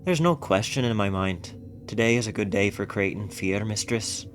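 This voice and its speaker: A man reading aloud the lines of a sinister game agent who reports to a dark mistress. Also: fairly low pitch, moderate pace, faint music behind, natural voice. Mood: ominous. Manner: read aloud from on-screen game text.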